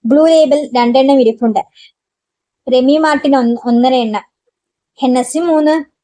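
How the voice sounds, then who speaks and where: A stern ex-soldier from a storybook answers curtly with deadpan humor, as a woman reads him. The voice is high and close, recorded dry. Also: a little slow, no room sound. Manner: curt and deadpan.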